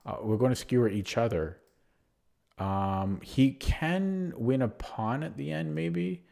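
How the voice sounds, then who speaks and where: A man with a medium-pitched, gravelly, dark voice speaks slowly while streaming online chess. He thinks aloud through his moves in a hesitant, self-deprecating way, full of fillers, as live game commentary.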